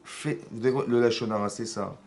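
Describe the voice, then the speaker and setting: Un homme qui donne un cours religieux dans une synagogue, avec un accent français. Il pose des questions au public et joue les dialogues avec animation. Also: male voice, fairly low pitch, fairly quick, gravelly. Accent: French. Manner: animated, acts out dialogues, asks the audience questions. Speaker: rabbi teaching a class. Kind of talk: lively religious lesson. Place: synagogue class room.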